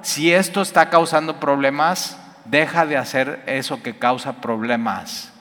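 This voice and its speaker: A man's voice: mid-range voice, a little slow, fairly bright tone, long reverb tail. A man preaching a sermon in a conversational way, asking his listeners questions. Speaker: pastor.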